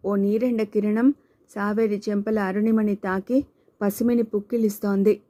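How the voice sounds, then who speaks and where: A woman reads a novel aloud as an audiobook narrator. Her delivery is measured and literary. Her voice is mellow and warm, at a middle pitch. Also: steady tone. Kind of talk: scripted narration.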